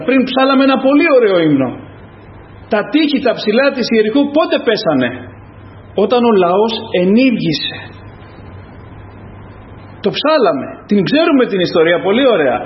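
A man's voice: extremely high pitch, slight background noise. A man preaching a fervent sermon as pastor, calling out to the congregation again and again. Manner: fervent, repetitive calls to the congregation. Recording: echoey, dull lo-fi church recording.

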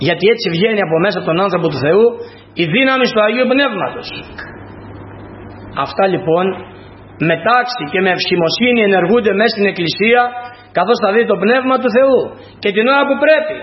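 High-voiced male preacher in echoey church. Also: animated, a little hiss or hum. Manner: reads scripture in solemn old Greek, then expounds emphatically. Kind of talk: sermon with scripture reading. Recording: echoey, dull lo-fi church recording.

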